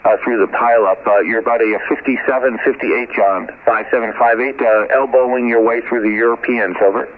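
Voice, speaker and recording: Over a tinny shortwave radio link with faint static, an amateur radio operator makes a call. His voice is medium-pitched, steady and brisk, and he spells call signs in the phonetic alphabet, filling gaps with many fillers.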